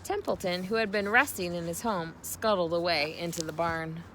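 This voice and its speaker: A woman giving an expressive read-aloud narration of a children's novel. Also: fairly low pitch, moderate pace, slight background noise, low-quality recording. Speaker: storybook reader.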